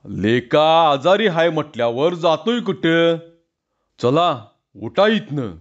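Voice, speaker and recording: A man voicing a gruff, bossy village strongman who talks bluntly and gives orders. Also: a little high, big pitch swings, slow, dull audio. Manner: blunt, commanding.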